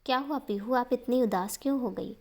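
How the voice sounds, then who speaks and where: A shy, tender young woman speaks softly to a child, voiced by a woman telling a story. Her tone stays mild and even, like a figure in a spoken storybook. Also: on the high side, a little fast, vocal fry.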